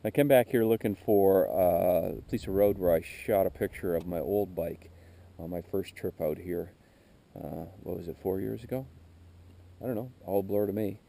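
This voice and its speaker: On a motorcycle trip, a middle-aged man delivers a rambling roadside monologue to his camera outdoors on a rural road, candid, weary, and emotionally spent, often going back to correct himself. Captured on the camera mic, his voice is low-pitched, creaky, and dark, at a normal speed.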